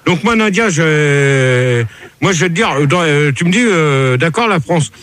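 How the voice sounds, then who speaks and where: A man hosting a chaotic radio phone-in debate, bossy and quick to snap at callers. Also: on the high side, lively intonation, fairly bright tone, a little hiss or hum. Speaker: debate host.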